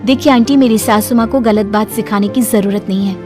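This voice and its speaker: A woman voicing a gentle but firm young daughter-in-law in a cartoon story, earnest and pleading. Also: medium pitch, brisk, music in the background, lightly acted.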